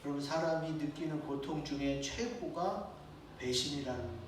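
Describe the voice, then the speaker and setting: A man's voice: a little high, moderate pace, a little hiss or hum. A man preaching a sermon as a pastor, speaking conversationally and asking his congregation rhetorical questions. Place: church sanctuary. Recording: echoey church hall, mic at a distance.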